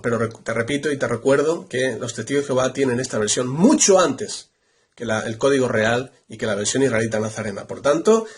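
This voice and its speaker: A man's voice: medium pitch, darkish tone. A man giving a Bible study lecture, reading verses aloud and stressing each point emphatically by repeating it. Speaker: Bible teacher.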